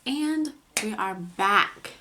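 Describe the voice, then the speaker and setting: A woman beauty vlogger chatting casually through a makeup tutorial and palette review, often pausing on filler words. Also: mid-range voice, animated, sharp tone.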